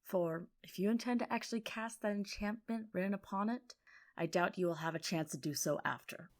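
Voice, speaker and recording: A woman's voice: mid-range voice, brisk, lightly acted. A woman voicing a haughty, scornful female tree spirit. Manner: haughty, sharp.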